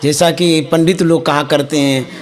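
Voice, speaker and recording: A man hosting a spiritual question-and-answer show, reading out viewers' questions. He paraphrases the replies and keeps up soft affirmations. His voice sits a little above the usual male range. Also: on the high side, steady tone, moderate pace. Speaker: host presenting viewers' questions.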